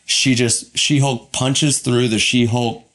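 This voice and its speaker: A man in casual podcast chat, ranting with animation, his pitch jumping up when he gets worked up. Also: fairly even intonation, takes it slowly, a bit bright. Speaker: podcast co-host.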